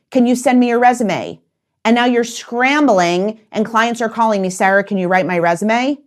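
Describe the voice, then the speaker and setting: A woman in her forties hosting a solo career-advice podcast, speaking directly and coaching her listeners with repeated instructions. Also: a little high.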